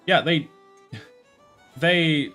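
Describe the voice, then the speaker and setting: Guy streaming and rambling on, lots of ums and restarts, bright forceful voice, faint music behind. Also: on the high side, very slow. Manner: rambling, animated, frequent fillers and restarts, swears. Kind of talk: casual live-stream commentary.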